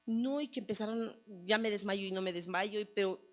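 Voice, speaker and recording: A woman with a medium-pitched voice and fairly even intonation speaks fairly quickly. She is a mother of a son, giving a personal testimony at a church service, telling her story earnestly and often repeating her phrases.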